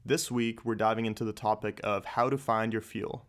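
A man with a lowish voice talks at a moderate pace with fairly even intonation. He's an Austrian podcast host in his twenties, keeping the chat casual and candid, full of "like" and profanity, recorded in an echoey space.

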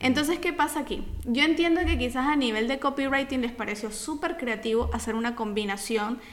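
A woman's voice: sits high, fairly quick. A woman co-hosting a casual podcast, explaining points in an emphatic, teacherly way. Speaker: podcast co-host.

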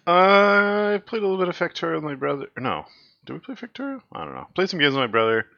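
A man's voice: a little high, very animated, quick pace, gravelly, dry recording, dull audio. A man co-hosting a casual gaming podcast, laid-back, laughing often and trailing off with uhs. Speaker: podcast co-host.

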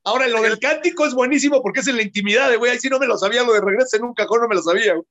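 A man's voice: extremely high pitch, rapid-fire, a bit bright. A man with a Mexican Spanish accent, co-hosting in casual chat, joking and profane as he chimes in. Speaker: co-host. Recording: dull lo-fi sound.

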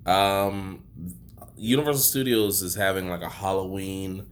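A man's voice: deep voice, fairly even intonation, a little slow, slight background noise. A man hosting a podcast in casual chat, rambling with fillers and easy laughs. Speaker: podcast host.

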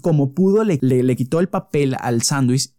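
A man's voice: medium pitch, animated, normal speed, mellow, no echo, studio quality. A man preaching a sermon, telling a story vividly and stressing points through repetition. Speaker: pastor.

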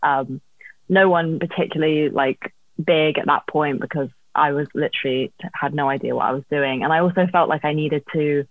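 A woman's voice: deep voice, steady tone, normal speed, dry recording, narrow, tinny audio. A woman songwriter being interviewed, chatting casually about her career over thin call audio. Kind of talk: casual chat, telling career story.

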